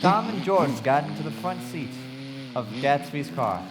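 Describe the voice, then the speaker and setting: Music plays behind a slightly high, animated, natural male voice at a moderate pace. The actor voices a thoughtful, perceptive young man vividly recalling his past with literary care in a live radio play, recorded in an echoing hall with faint noise.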